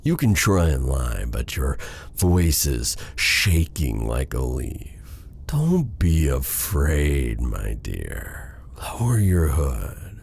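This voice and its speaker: A man playing a sly, menacing, seductive dark sorcerer in an ASMR fantasy roleplay, with a breathy, gravelly voice and a theatrical, teasing, silky delivery. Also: rumbling low, big pitch swings, drawn-out words, a little hiss or hum, exaggerated voice. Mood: sly, coaxing. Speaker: voice actor.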